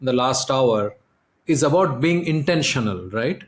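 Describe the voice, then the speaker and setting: A man's voice: mid-range voice, expressive, moderate pace. A man hosting a podcast interview, talking thoughtfully and repeating words as he reaches for his point. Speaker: podcast host. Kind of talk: conversational interview. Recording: echoey room.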